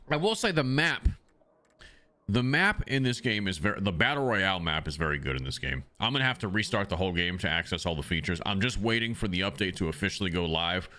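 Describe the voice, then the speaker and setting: A man's voice: fairly low pitch, pushed and bright. A man chatting loosely to his viewers as a streamer, rambling with many ums, speaking into a desk microphone. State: has the hiccups. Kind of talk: casual livestream chat.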